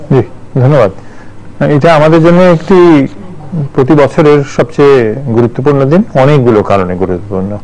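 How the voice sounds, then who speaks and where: A man's voice: medium pitch, moderate pace, pauses often, darkish tone, rough recording. A man in his sixties, a journalist and university teacher, giving thoughtful studio commentary with many restarts and fillers. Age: 60s.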